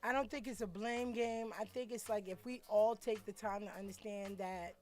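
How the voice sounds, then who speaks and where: A woman caller in a voice note, speaking earnestly and haltingly, with conviction. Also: medium pitch, fairly even intonation, a little mellow. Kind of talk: voice note to a talk show. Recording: music playing underneath.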